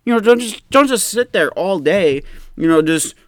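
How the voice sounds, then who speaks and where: Exasperated man ranting with lively pitch. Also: normal speed, no echo. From United States. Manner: exasperated, mocking, mimics people in a lower voice. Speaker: commentator. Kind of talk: opinion rant to camera.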